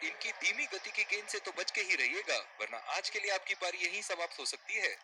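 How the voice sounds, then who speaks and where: A man's voice: high-pitched, animated, brisk, bright, forceful tone, a little hiss or hum, full character voice, low-quality recording. A man voicing an analytical, admiring cricket commentator in a scripted sports video game.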